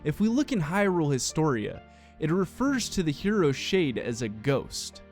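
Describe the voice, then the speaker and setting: Over background music, a man delivers a scripted, analytical video game theory explainer. His voice is fairly high with big pitch swings, at a moderate pace.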